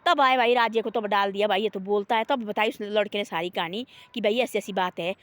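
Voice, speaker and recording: A woman's voice: mid-range voice, fairly quick, no room sound. A woman telling a moral folk tale in a rambling, folksy way, restarting often and repeating her tags meaning "he said". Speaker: storyteller. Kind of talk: oral moral storytelling.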